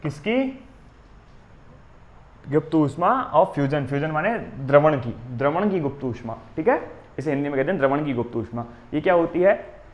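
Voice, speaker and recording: A man with an Indian accent teaching a physics coaching class at a board. He stops often to ask "है ना?" and reads definitions out slowly, word by word. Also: a little high, expressive, lo-fi sound. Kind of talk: exam coaching lecture at a board.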